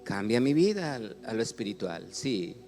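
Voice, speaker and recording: Animated male preacher with soft music. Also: fairly low pitch, normal speed. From Mexico. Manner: animated preaching, rising to loud exclamations; asks the congregation questions and has them read along. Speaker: pastor. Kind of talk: sermon.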